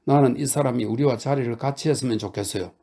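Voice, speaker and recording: A fiery young woman who nags, coaxes and orders everyone about, as a male audiobook narrator puts her on. The voice is lifted and gravelly, with a dark, mellow tone and a sharp, insistent push. Each line is pressed hard, half teasing and half scolding. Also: mid-range voice, quick pace. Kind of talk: audiobook character reading.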